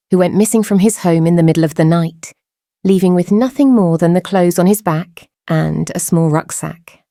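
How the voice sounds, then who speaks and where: A woman hosting a true crime channel, speaking through a voice changer in measured, earnest scripted commentary. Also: medium pitch, mellow, no room sound, clean studio sound.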